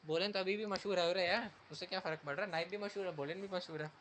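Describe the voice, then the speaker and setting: A male teacher reading an English story slowly and explaining it casually in Hindi, with lots of repetition. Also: high voice, fairly even intonation, fairly bright tone, slight background noise.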